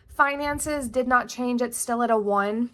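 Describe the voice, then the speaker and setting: A young woman, heavily pregnant and slightly breathless, rambles chattily through a planner vlog from her desk at home, often correcting herself. She speaks unhurriedly in a higher, somewhat bright voice.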